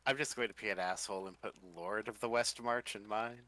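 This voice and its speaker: A man's voice: on the low side, fairly even intonation, a little fast, over a noisy crowd, low-quality recording. A man playing in a tabletop game, chatting casually, self-conscious and laughing at himself. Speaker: player.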